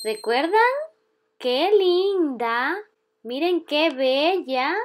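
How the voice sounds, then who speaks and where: A woman hosting a children's toy surprise show in a bright, squeaky, sing-song welcoming manner, exaggerated for small children. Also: lively intonation, drawn-out words, slight background noise. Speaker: children's channel host. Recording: music behind the voice. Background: music.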